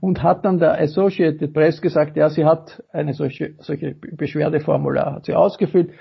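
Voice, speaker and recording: A man speaking as a guest in a political interview, halting, with many fillers and restarts. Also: fairly high pitch, fairly even intonation, gravelly, breathy edge. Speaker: guest journalist. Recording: dull lo-fi audio.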